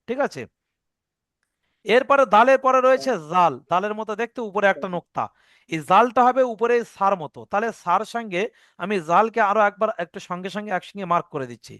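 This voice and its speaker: A man's voice: high voice, fairly bright tone, dry recording, studio quality. A man teaching how Arabic letters are pronounced, patient, repeating his points, sounding out each letter and often checking that the learners follow. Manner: demonstrates sounds aloud. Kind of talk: Arabic letter pronunciation lesson.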